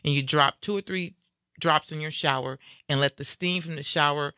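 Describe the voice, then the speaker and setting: A woman's voice: sits low, normal speed, pushed and bright, clean tone, no echo, clean studio sound. A woman around fifty, the host, chatting casually and animatedly, laughing as she tells stories. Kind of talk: casual chat.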